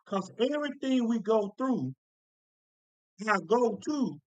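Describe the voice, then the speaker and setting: A man preaching a sermon in a folksy, emphatic way, repeating phrases and slowing down to stress key words. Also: high voice, animated, no echo, lo-fi sound.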